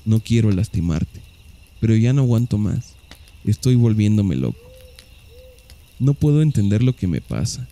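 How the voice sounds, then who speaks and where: A man plays a tormented husband in a spoken story, his voice low and very dark, snapping out short bitter lines. The lines land clipped and heavy. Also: sing-song, normal speed, vocal fry, pauses often. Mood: despairing. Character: tormented husband, angry and despairing.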